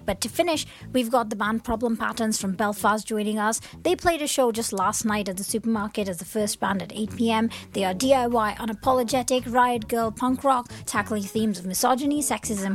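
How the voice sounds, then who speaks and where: A woman presenting and interviewing in a casual way as a music radio host. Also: fairly high pitch.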